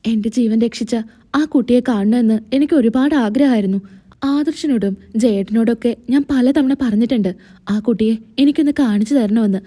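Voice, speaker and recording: A woman's voice: on the high side, moderate pace, mellow, natural voice. A woman reading a remorseful mother-in-law. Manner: pleading, apologetic.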